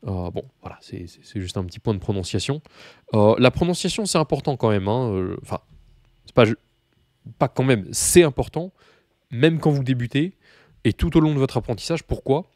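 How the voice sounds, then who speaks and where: A man's voice: mid-range voice, lively intonation, moderate pace, a little mellow, no room sound, clean studio sound. A man teaching Russian to beginners in a casual video lesson, chatty with many fillers and asides, talking straight to the learners.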